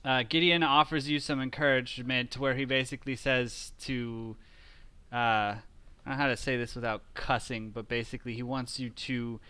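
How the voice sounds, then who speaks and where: A man running a tabletop session as game master, his voice bright and crisp on a dry close mic. He talks in a relaxed, chuckling way, pausing with fillers as he looks things up. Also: medium pitch, dry recording.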